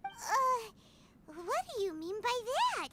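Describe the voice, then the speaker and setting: This is a pint-sized floating fairy companion, chattering in a shrill, childlike voice. She bounces up and down in pitch and speaks of herself by name. Loud game music plays under her. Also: very animated, slow pace, exaggerated voice. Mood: puzzled. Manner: high squeaky chatter, talks of herself by name.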